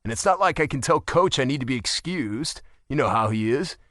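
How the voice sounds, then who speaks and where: A teasing, earnest athlete husband, voiced by a man in an audiobook romance. His delivery rises and falls with lively, animated pitch. The sound is close and dry. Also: brisk, no room sound, natural voice.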